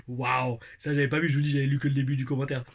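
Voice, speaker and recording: A young adult man chatting casually on his vlog as a wrestling show reviewer, telling stories in slang with a rambling manner and many restarts. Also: mid-range voice. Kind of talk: casual vlog chat and storytelling.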